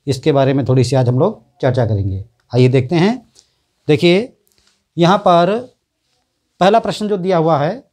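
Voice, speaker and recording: A man teaching an exam-prep lesson in a Hindi accent, repeating each letter and answer slowly. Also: a little high, darkish tone.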